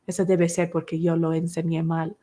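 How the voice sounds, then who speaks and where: A woman's voice: lowish voice, completely flat delivery, moderate pace, warm tone. A woman leads a recovery class recorded as a podcast. She walks through each step and keeps asking rhetorical questions to guide her listeners.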